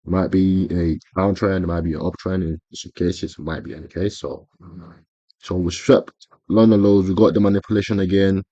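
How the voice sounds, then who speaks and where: Man, very low voice, casual screen tutorial, rambling fillers, dry dull recording. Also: fairly even intonation, moderate pace, mellow, dry recording. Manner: rambling, frequent fillers and self-corrections. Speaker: trading educator.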